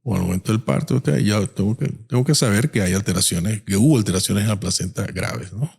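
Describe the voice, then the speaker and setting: A man, a doctor guest in an interview, explaining medical details in a calm way. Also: on the low side, brisk, gravelly, slightly rough. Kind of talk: conversational interview.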